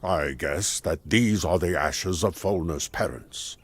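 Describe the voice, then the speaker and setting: An actor playing a calm, wise male mage in a game cutscene, explaining things in a measured way. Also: low-pitched, slightly rough, no room sound, heavily acted.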